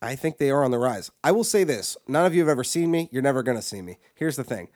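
A man's voice: mid-range voice, lively intonation, quick pace, a little mellow. A man co-hosting a podcast, ranting crudely and profanely, with frequent restarts and repeated words. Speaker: podcast co-host. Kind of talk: crude comedic rant.

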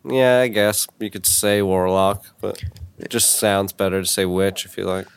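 A man co-hosting a casual podcast chat, relaxed and profane, often laughing. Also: deep voice, normal speed, vocal fry, clean tone. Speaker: podcast co-host.

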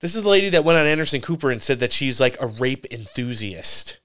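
A man's voice: mid-range voice, expressive, quick pace, fairly bright tone. A man co-hosting a podcast, giving brash, opinionated political commentary and swearing freely. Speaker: podcast co-host.

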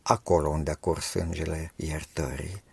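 Earnest male preacher, very low voice, husky, dry close sound. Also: little pitch movement, a little mellow, dry recording. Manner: earnest and exhortative. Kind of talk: sermon.

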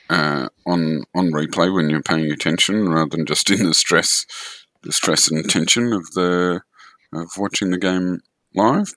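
Deep voiced aussie bloke talking sport on a podcast, dry audio, careful and a bit hesitant. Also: male voice, fairly bright tone, dry recording. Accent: Australian. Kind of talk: casual sports discussion. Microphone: online call microphone.

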